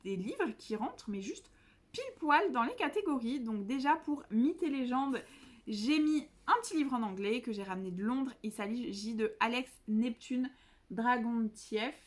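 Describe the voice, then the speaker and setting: A chatty young woman talks through her reading plans in a casual vlog. Her voice sits a little high, and she keeps stumbling, restarting and poking fun at herself as she goes. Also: animated, moderate pace. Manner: chatty, self-mocking, many fillers and restarts. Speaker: book vlogger. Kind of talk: casual chat.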